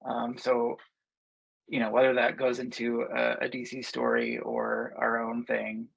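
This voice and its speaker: A man, a guest comic book writer, answering thoughtfully in a podcast interview with many pauses and fillers. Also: mid-range voice, vocal fry, breathy edge, dull audio. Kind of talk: casual podcast interview talk.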